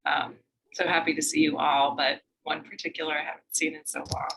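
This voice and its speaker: A woman's voice: sits low, flat delivery, a little fast, gravelly, a crowd in the background, poor audio. A woman leading an online group meditation session over a video call, talking informally and meanderingly with many fillers before guiding the practice. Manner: rambling and warm in greeting, with many fillers. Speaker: meditation guide. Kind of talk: informal spiritual talk before a guided meditation.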